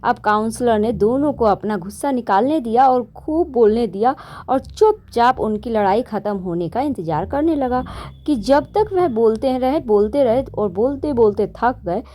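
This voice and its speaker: Her warm, slightly high voice moves with lively intonation at a normal pace as she narrates a moral tale in a chatty way. As the storyteller host, she often stops to restart or fix what she said.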